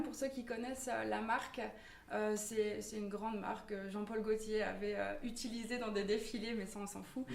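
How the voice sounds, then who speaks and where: A woman from Normandy giving a personal testimony in church, hesitant with many fillers and restarts. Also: on the high side. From Normandy, France. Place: church hall. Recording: echoey room from far off.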